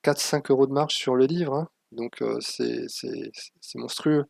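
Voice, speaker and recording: A man's voice: medium pitch, normal speed, gravelly, darkish tone, dry recording, clean studio sound. A man hosting his channel, narrating a screen-share tutorial with many hesitations and a cautionary tone. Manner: hesitant, many fillers, warning tone. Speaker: channel host.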